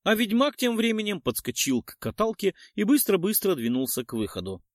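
A man's voice: high voice, sing-song, a little fast, no echo. A man narrating an audiobook in first person, wry and matter-of-fact, with slangy asides, on a close mic.

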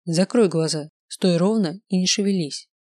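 A woman voicing a calm, commanding male otherworldly creature who speaks slowly in flat, even tones. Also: on the low side, no room sound, clean studio sound, close to an everyday voice.

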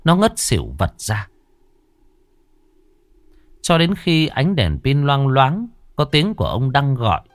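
A man's voice: slow pace, pauses often, dry recording. A man narrating a ghost story as storyteller. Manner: expressive, varied pitch.

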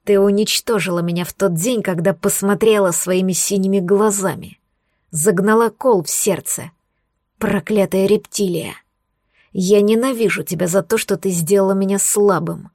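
A woman voicing a domineering young male werewolf in an audiobook, speaking low, hushed and slow. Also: no echo, studio quality, natural voice. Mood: bitter. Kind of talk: audiobook character voice.

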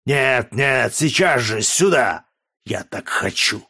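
A man reading an audiobook, voicing a sick, raging old Roman dictator with a hoarse, frenzied voice. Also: mid-range voice, expressive, slow, bright, forceful tone, heavily acted. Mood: demanding.

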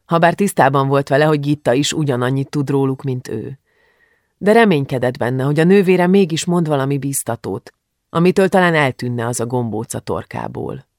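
A calm, measured storyteller reading a novel aloud with a gravelly edge to the voice. The recording is dry and close, with no room sound. The pitch sits in the middle range. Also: no echo. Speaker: audiobook narrator. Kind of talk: scripted narration.

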